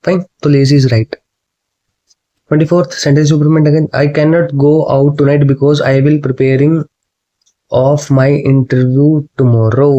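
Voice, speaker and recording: A man's voice: on the high side, dark tone. A man teaching exam questions, speaking Hindi, chatty and often checking in with his students. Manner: chatty, repeats "ठीक है", reads options slowly. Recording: dull lo-fi sound.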